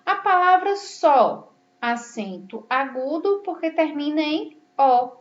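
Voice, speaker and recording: Lady teacher going over grammar real slow, kinda high voice, echoey room. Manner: slow, patient, stresses each word she explains. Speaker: Portuguese teacher. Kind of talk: classroom lesson explanation. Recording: echoey room, slightly dull sound.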